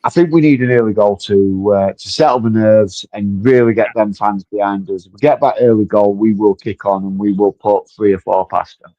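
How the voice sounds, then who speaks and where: A man's voice: lowish voice, fairly even intonation, moderate pace, few pauses, mellow, no room sound, dull audio. A man co-hosting a live football watchalong as tactical pundit, talking steadily and agreeably. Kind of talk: casual football watchalong chat.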